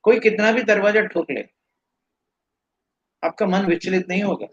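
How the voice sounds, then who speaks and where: Husky Indian man teaching spirituality. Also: high-pitched, rapid-fire, muffled recording. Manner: earnest, rambling explanations with restarts. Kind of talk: live Q&A teaching.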